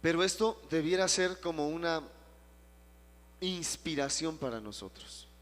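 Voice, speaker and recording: Pastor teaching in a reverberant hall. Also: male voice, fairly high pitch, a little slow. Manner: animated storytelling with emphatic repetition. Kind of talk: Bible study teaching. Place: church auditorium.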